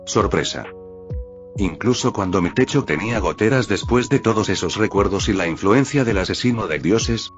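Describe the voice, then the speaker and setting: A man calmly reading a first-person fan fiction story aloud as narrator. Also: on the low side. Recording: dull lo-fi audio with faint music.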